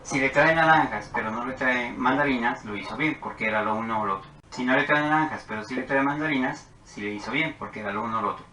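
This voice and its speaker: A math teacher gives a whiteboard lesson on propositional logic, calmly reading out truth values as he writes the tables. His mid-range voice is bright and forward, quick and with few pauses. Room echo and a faint hiss run through the recording.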